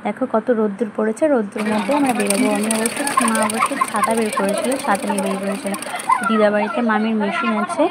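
A woman's voice: medium pitch, little pitch movement, fast, heavy background noise. A young woman chatting through her day in a casual home vlog, giving a running commentary. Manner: speaks softly so the sleeping baby is not disturbed. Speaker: vlogger.

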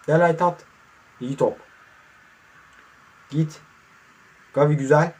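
Playing football online, a young man narrates the game himself, talking to the on-screen players as he moves between quiet mumbling and excited yelling. He has a husky voice.

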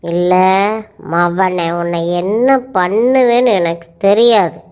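A woman's voice: on the low side, slow, darkish tone, smooth. A woman voicing a young college woman in love, who scolds and mock-threatens her boyfriend in a cartoon. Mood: teasing. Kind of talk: cartoon voice acting.

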